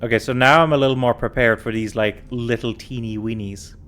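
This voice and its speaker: A tired man streams a puzzle game, chatting casually and thinking out loud as he solves it, in the style of let's-play commentary. His medium-pitched voice is fairly bright and a little fast, with fairly even intonation. There's slight background noise.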